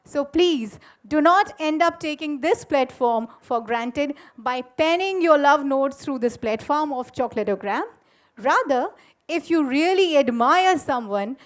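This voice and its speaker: A woman giving a measured, earnest formal address to conference delegates in a school auditorium. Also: sits high.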